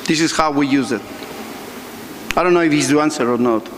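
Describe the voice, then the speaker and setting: A man answering an audience question as a conference speaker, off the cuff, with halting, non-fluent phrasing. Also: fairly high pitch. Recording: echoey hall with background noise.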